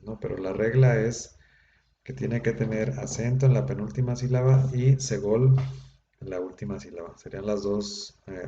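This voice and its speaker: Low, mellow male teacher, roomy. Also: gravelly. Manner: patient, explanatory, frequent "eh" and "este" fillers. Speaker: Bible institute Hebrew teacher. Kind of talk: classroom grammar lecture. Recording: roomy echo, dull lo-fi sound, faint noise.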